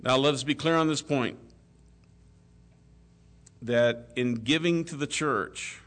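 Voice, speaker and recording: A man preaching a sermon to his congregation, rising loud on key phrases and dropping to a soft, hushed tone. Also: medium pitch, slow pace. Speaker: pastor.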